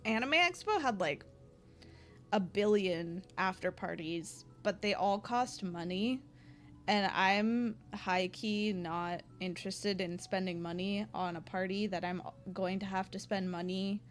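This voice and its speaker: Chatty young woman streamer, unhurried. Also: medium pitch. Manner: chatty and slangy, lots of filler words. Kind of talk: casual chat with stream viewers.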